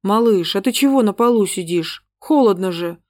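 A woman reading aloud plays a cheerful, easygoing husband in a storybook, talking slowly. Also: medium pitch, a little mellow, no room sound, studio quality, close to an everyday voice. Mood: jovial. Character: cheerful hearty husband, grown man.

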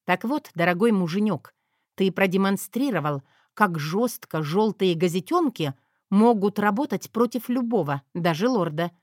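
A woman reading an audiobook voices a defiant, scheming young woman who speaks in a mocking, sharp manner. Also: medium pitch, animated, normal speed, dry recording, studio quality, natural voice. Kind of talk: audiobook character voice.

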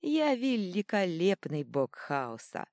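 A woman's voice: lowish voice, big pitch swings, slow pace, darkish tone, no room sound, clean studio sound, pitched above the performer's own voice, exaggerated voice. A woman doing a smug, teasing chaos godling. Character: mischievous invisible male chaos godling.

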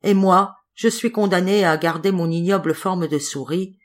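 A woman voicing a spiteful grey mouse, a cursed wicked fairy, with a small high voice, for an audiobook fairy tale. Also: moderate pace, close to an everyday voice. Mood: gloating.

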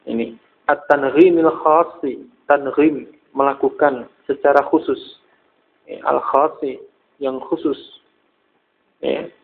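An Indonesian-accented man gives a slow, patient grammar lesson, often pausing to ask himself a question before he answers it. His voice comes through a narrow, phone-like recording that strips out its fullness. His pitch sits in an ordinary middle range. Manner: slow, repeats terms and asks himself questions. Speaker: religious teacher of Arabic grammar. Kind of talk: recorded study-circle lesson. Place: small prayer hall. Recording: phone-like tinny audio.

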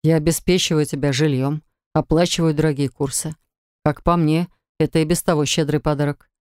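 A woman reading the lines of a calm, decisive husband in an audiobook, matter-of-fact. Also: low-pitched, brisk, clean tone, no echo, studio quality, lightly acted. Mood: firm. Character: cool, decisive husband, grown man. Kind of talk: audiobook character voice.

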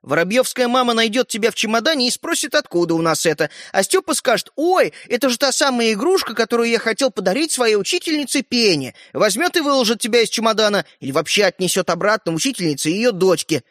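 A man's voice: high-pitched, animated, quick pace, few pauses, a bit bright, no echo, pitched above the performer's own voice. Guy reading as a clever proud boy, matter-of-fact, dry close sound. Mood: explaining. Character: quick-witted proud young boy.

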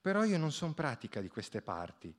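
A man's voice: fairly high pitch, sing-song, moderate pace. A man voicing a stubborn, honest young peasant woman who answers curtly and defiantly. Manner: curt and defiant.

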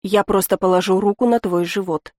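A woman reading the lines of a blunt, calm young male healer in an audiobook, with a flat, curt manner. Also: mid-range voice, a little fast, no echo, studio quality, natural voice.

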